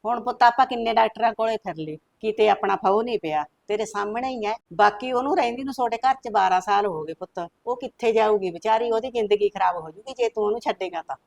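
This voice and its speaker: A woman's voice: mid-range voice, fast talker, vocal fry, few pauses. A woman playing a pleading older village mother. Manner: soft coaxing pleas, repeated "putt". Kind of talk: rural family drama acting.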